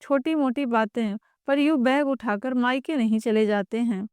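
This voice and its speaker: A woman's voice: on the high side, steady tone, a little slow, darkish tone, clean tone, dry recording, clean studio sound, close to an everyday voice. A woman voicing an older mother-in-law who speaks in a scolding way.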